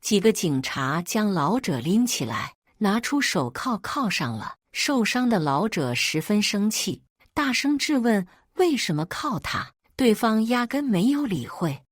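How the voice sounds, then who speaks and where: A woman narrating a scripted story in an expressive storytelling manner. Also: mid-range voice, unhurried, few pauses, no room sound, studio quality.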